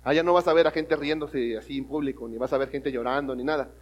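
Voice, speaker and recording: A man preaching a sermon, telling a story and swinging from loud emphatic lines to hushed ones. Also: mid-range voice, steady tone, quick pace, lo-fi sound. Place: church hall. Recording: long reverb of a church hall.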